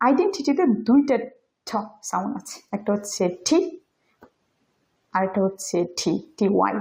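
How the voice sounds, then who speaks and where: A woman whose first language is Bengali, teaching English pronunciation in a video lesson and saying example words slowly. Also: mid-range voice, big pitch swings, vocal fry, darkish tone, poor audio. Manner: explains step by step, demonstrates English words slowly.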